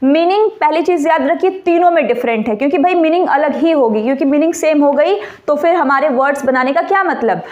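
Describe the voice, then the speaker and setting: High pitched lady teacher explaining grammar terms, keeps asking the viewer quick questions. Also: lively intonation, darkish tone, muffled recording. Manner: repeats key points as quiz questions to the viewer; mixes English terms into Hindi explanations. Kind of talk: exam-prep grammar lesson.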